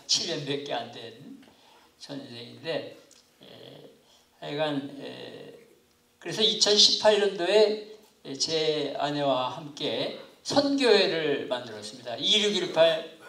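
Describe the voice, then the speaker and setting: Heard from across a reverberant church classroom, a man in his seventies with a rough, gravelly voice set slightly high gives a lecture to lay students. He talks unhurriedly and politely, pausing often between phrases. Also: very animated, pushed and bright. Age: 70s. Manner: unhurried, halting, polite formal speech. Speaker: pastor teaching a missions class. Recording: echoey room, far from mic.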